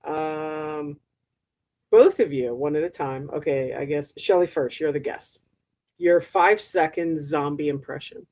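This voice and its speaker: A woman's voice: low voice, unhurried, a little mellow. A woman co-host running a trivia game over a video call, in a chatty way. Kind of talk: hosting a game segment.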